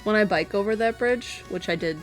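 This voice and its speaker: A woman's voice: mid-range voice, fairly quick, soft background music. A woman co-hosting a livestream in casual, conversational chat. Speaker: livestream co-host.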